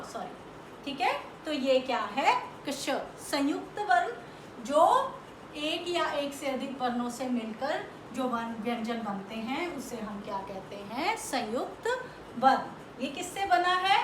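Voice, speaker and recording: A woman teaching a Hindi lesson to young children. She talks slowly and patiently, sounding out letters and answering her own questions. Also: high voice. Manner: slow, patient, asks questions and answers them herself; sounds out letters and stretches syllables. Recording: echoey room with faint background noise.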